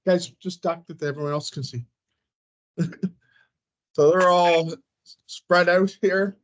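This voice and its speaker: A man's voice: high voice, steady tone, slow pace, highs cut off. A man chatting casually as a grade-school teacher, speaking from a classroom over a video call. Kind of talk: casual chat.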